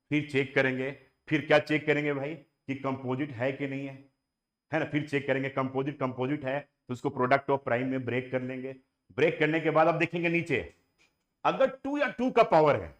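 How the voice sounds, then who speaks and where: A man teaching a maths lesson, coaxing his students and repeating each step, mixing in English phrases. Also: medium pitch. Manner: coaxing and repetitive, mixes Hindi with English phrases. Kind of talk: classroom lecture.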